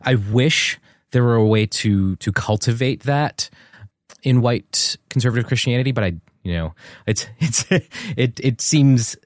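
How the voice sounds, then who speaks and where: A man hosting a podcast conversation, speaking thoughtfully and haltingly, often restarting his sentences. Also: medium pitch, animated, dry recording, clean studio sound.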